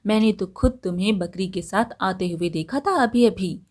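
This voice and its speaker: A woman's voice: medium pitch, moderate pace, darkish tone, natural voice. A woman voicing a clever young village man who teases and accuses his neighbor, in a storybook reading. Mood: teasing.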